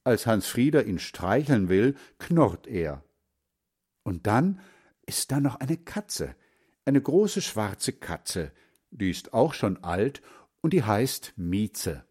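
A man reading a children's storybook aloud in a slow, expressive way. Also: fairly low pitch, breathy edge. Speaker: narrator.

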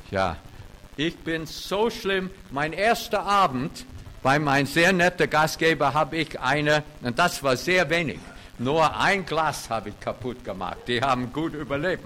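Old retired pastor preaching, German. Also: male voice, mid-range voice, slight background noise, low-quality recording. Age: 70s. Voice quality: non-native German with grammar slips. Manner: animated preaching with sudden loud emphatic peaks and wry humor. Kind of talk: sermon.

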